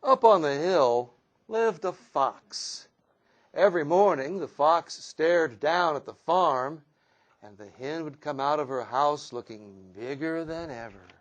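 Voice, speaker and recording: A man's voice: on the high side, lively intonation, slow pace, dull audio. A man reading a picture book aloud to children in a dramatic storytelling manner. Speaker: storytime reader.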